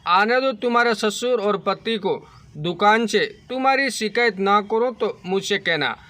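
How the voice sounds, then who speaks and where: Scheming mother-in-law, defensive and sly, voiced by a man, high pitched. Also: measured pace, sharp tone, no echo. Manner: defensive, feigned innocence. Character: scheming middle-aged mother-in-law, lying.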